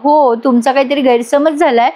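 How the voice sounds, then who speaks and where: A woman voicing a calm, reassuring fatherly male doctor in a story recap. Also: sits high, normal speed. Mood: earnest.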